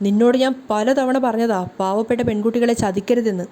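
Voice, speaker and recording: A woman voicing an angry, sarcastic young man who scolds in a mellow, fairly high voice. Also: fairly even intonation, fairly quick, a little hiss or hum, close to an everyday voice. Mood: scolding.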